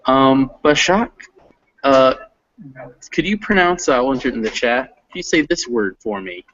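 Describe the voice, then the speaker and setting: A man runs a casual online English reading class from an unfamiliar classroom, friendly and slightly hesitant, his speech dotted with fillers. He speaks at normal speed in an animated, medium-pitched voice with a fairly bright tone. The highs are cut off.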